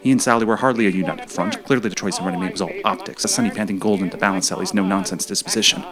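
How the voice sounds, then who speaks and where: Deadpan deep-voiced man narrating. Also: rapid-fire, over music. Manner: dry, wry and mock-serious. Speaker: filmmaker narrating his own film.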